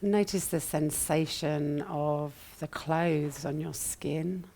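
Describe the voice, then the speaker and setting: As a yoga nidra teacher, she leads the meditation softly, her low, mellow voice occasionally turning breathy. Short phrases are separated by long silences, and a faint creak blends into her relaxed, fairly even delivery.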